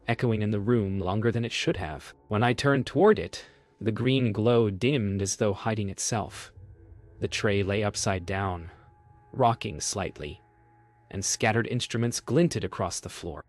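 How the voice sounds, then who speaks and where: A man reads a scripted first-person horror story as narrator, with measured, deliberate phrasing. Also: on the low side, animated, dry recording.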